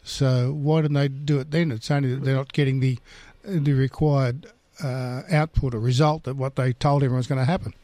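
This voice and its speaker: A man hosting a radio show from the studio, chatty and quick to give his opinion. His voice sits mid-range with a dry, close sound. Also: medium pitch, steady tone, mellow, dry recording. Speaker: radio host. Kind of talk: casual radio chat.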